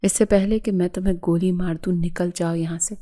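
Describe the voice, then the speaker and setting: A woman's voice: on the low side, steady tone, mellow, lightly acted. A woman voicing an enraged older father in an audio story, bitter and roaring. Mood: furious. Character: furious older father, proud head of family.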